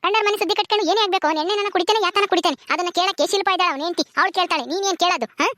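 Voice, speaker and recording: A woman acting a sharp-tongued village mother-in-law who scolds and nags. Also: very high voice, very fast, no room sound, studio quality. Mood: scolding. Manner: scolding, nagging, ends lines with "ha?".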